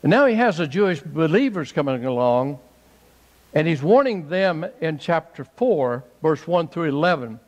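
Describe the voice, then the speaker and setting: A man in his sixties, a pastor, preaching a sermon with emphatic bursts that jump up to high exclaims. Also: very animated, moderate pace, darkish tone, long reverb tail, lo-fi sound. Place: church sanctuary.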